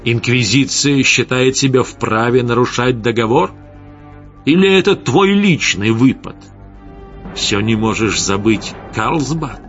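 Мужчина играет грозного древнего мага, повелительный тон, громкие вспышки гнева, аудиокнига. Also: male voice, medium pitch, expressive, a little slow, fairly bright tone. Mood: wrathful. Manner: commanding, accusing, sharply rising. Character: imperious ancient male light mage, wrathful. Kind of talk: audiobook character voice. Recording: slightly dull lo-fi audio, faint music.

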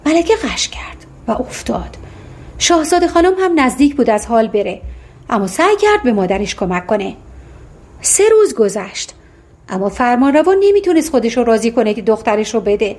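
A woman narrating a fairy-tale audiobook in an expressive storytelling manner. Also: fairly high pitch.

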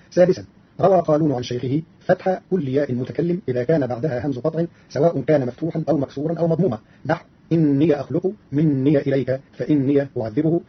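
Male presenter, fast and raspy, formal point-by-point delivery, slightly high voice. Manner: formal, didactic, enumerating points. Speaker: radio presenter explaining readings. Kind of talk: formal scripted explanation. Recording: dull lo-fi archive radio recording.

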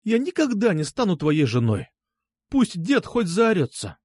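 A furious young woman, put on by a male narrator, snaps and yells in a high, shrill voice. Her outbursts swing widely up and down, full of scorn. The sound is close and dry. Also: huge pitch swings, measured pace, dry recording, exaggerated voice. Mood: spiteful. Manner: shrill, exasperated shouting. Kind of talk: audiobook character voice.

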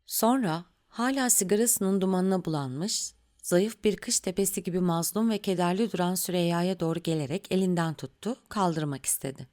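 A woman narrating a literary audiobook in a measured, unhurried reading. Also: on the low side, a little mellow.

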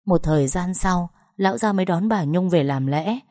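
Woman doing an older servant woman, pleading, confessional, low voice, warm dark tone. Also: moderate pace, dry recording, studio quality, close to an everyday voice.

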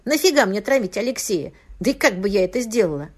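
A woman's voice: medium pitch, animated, quick pace, pitched above the performer's own voice, natural voice. A woman voicing a pushy female friend who coaxes and then shrieks in anger. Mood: shrill angry. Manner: coaxing, then shrieking and snapping.

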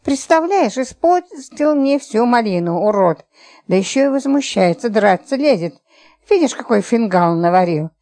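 A brash, scolding neighbor wife , played by a woman reader, loud and coarse. Her voice rides high, and she drawls some words for effect. It is storybook comedy acting. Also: sing-song, normal speed. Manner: brassy, scolding.

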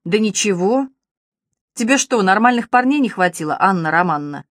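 A blunt, sarcastic militia captain barking his words higher and louder, as a woman narrator puts him on. The recording is close and dry. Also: expressive, moderate pace, dry recording, lightly acted.

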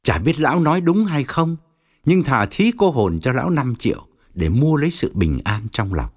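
A male storyteller reading an audiobook with a wry edge. His pitch is mid-range, but his delivery is highly animated and swings widely. He keeps the tale moving with expressive narration. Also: moderate pace.

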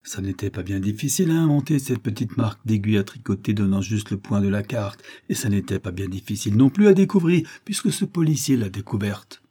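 A man reading an audiobook voices a sharp-tongued, scheming woman who runs a gambling club, scolding her partners with open contempt. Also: fairly low pitch, animated, brisk, few pauses, breathy edge. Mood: scornful.

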